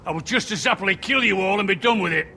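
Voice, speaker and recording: An actor playing a brutal, gloating lord in a dramatic video game, menacing and taunting. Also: male voice, high voice, quick pace, sharp tone, slight background noise. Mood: gloating menace.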